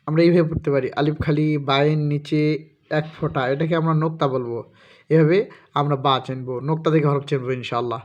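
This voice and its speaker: A man leads an Arabic alphabet lesson at a very unhurried pace, stretching out each letter name and saying it twice. His voice sits somewhat high for a man, and he speaks to his viewers as respected brothers. The recording sounds dull and lo-fi. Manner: slow, drawn-out recitation of letters with repetition. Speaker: Arabic teacher.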